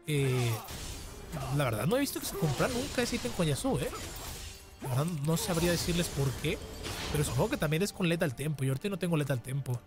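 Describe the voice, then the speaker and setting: Male streamer, higher-pitched, excitable play-by-play with teasing sing-song taunts, music bed under. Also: fast talker. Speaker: gaming streamer. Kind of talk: casual gameplay commentary. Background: background music.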